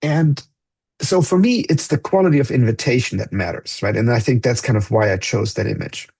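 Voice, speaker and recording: A man with a husky, slightly breathy voice at an ordinary middle pitch, hosting a reflective podcast conversation. He speaks in an earnest, thoughtful way and often pauses to search for the right words. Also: darkish tone. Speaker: podcast host.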